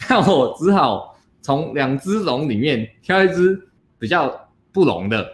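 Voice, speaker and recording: Animated man with a lively voice. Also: a little high, measured pace. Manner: animated, laughing often, acts out quotes. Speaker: dating coach. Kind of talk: casual podcast storytelling.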